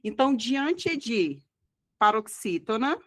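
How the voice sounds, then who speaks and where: Her voice sits a little high and has a sing-song lilt. Speaking with a Brazilian Portuguese accent, she takes students through exam-prep grammar step by step, often checking in with "tá?" and "tá bom?" and slowing down to stress key words, very much the didactic teacher.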